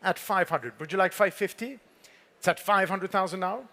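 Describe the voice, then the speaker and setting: A man with a high-pitched voice conducts a live sale as a fine art auctioneer. He calls out figures and repeats them in a formal, poised delivery, politely prompting bidders in the saleroom. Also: normal speed, sharp tone.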